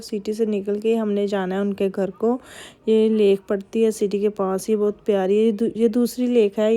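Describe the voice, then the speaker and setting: A woman's voice: mid-range voice, mellow. A woman narrating a family vlog as a mother, chatty. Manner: chatty, scolding kids in quoted asides. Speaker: vlogger mother. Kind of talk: casual voice-over narration.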